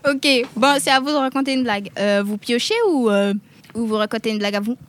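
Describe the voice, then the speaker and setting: A woman hosting a radio game show, lively and quick to laugh. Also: on the high side. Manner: lively, laughing often, scoring and hurrying players. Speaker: game host.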